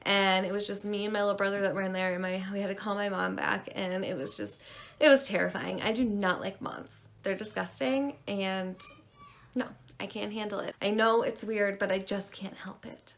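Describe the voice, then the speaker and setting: A woman's voice: medium pitch, fairly bright tone. A woman in her twenties from Maine, chatting casually and rambling animatedly as a beauty vlogger. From Maine, USA. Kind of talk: casual chat.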